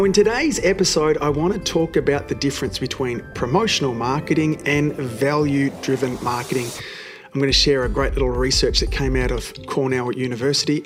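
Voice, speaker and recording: Croaky Australian man hosting a podcast. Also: mid-range voice. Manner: chatty, addresses listeners directly, emphatic phrasing. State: croaky voice from a cold. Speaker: podcast host, chiropractor. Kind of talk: solo podcast talk, explanatory.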